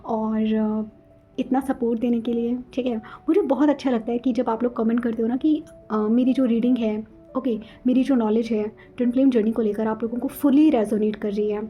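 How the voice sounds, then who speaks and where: A young woman hosting a spiritual channel, talking rapidly and casually to her viewers, mixing in English words and saying "okay" often. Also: a little high, fairly even intonation, phone-quality sound, soft background music. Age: young adult. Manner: rapid, flowing Hindi-English mix, frequent "okay" and "theek hai".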